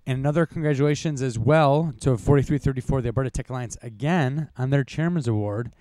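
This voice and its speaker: Talking fast in a dark-toned, medium-pitched voice with no room sound, a young podcast co-host goes through competition rankings from his notes. Casual side remarks and an occasional cough slip in.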